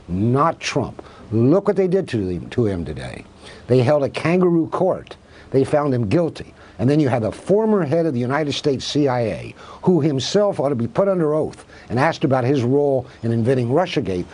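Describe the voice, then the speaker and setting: Male academic guest, husky, animated intonation, argumentative and full of rhetorical questions. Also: medium pitch. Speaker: professor of Russian studies, guest. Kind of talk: televised news interview.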